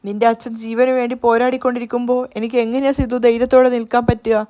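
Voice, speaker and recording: A woman's voice: on the high side, flat delivery, quick pace, dark tone, natural voice. A woman reading the lines of a weeping, despairing older mother. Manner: tearful and despairing.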